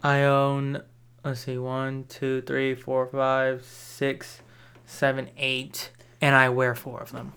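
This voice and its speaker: Woman, very low voice, smooth and clear, dry laid-back podcast co-host. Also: completely flat delivery, slow pace, a bit bright. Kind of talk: casual chat.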